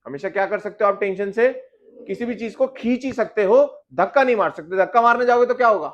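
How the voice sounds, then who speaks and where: A man's voice: high voice, fast, lo-fi sound. A male physics teacher giving a classroom lecture, often asking his students questions and calling them "beta".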